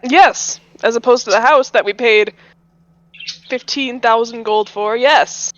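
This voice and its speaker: A woman's voice: on the high side, measured pace, a bit bright. A woman playing a tabletop role-playing game, sounding exasperated and fretful. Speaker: player. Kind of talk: tabletop role-play banter. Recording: dull lo-fi audio with faint music.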